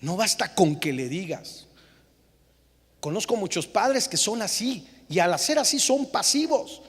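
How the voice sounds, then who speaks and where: Pastor guy giving an animated sermon, high voice, doing little voices for the parents and kids. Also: slightly rough, long reverb tail. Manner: lively preaching, acting out parents and children in quick voices. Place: church.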